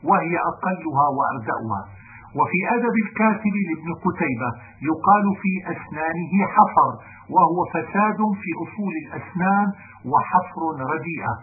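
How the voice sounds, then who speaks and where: A man reading a classical grammar text aloud in a measured, deliberate recitation. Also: on the high side. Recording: narrow phone-like band with faint noise.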